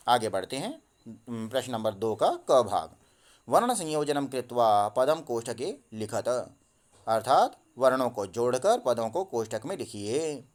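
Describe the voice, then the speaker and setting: A male teacher who reads textbook lines out loud and then explains each one, recorded on a phone. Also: fairly low pitch. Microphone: phone mic.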